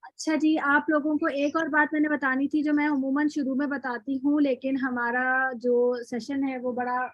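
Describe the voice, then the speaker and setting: A woman's voice: sits high, flat delivery, few pauses, no room sound. A woman teaching Quran recitation in an online class, praising students and then giving a motivational talk. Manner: encouraging, praising then lecturing with questions. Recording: dry, dull lo-fi online call audio.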